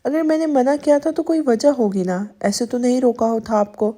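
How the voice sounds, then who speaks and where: Storybook husband, possessive and firm, mellow higher voice, as a woman reads him. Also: lightly acted. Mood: stern. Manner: firm, turning tender then sulky. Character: possessive stern young husband, coaxing.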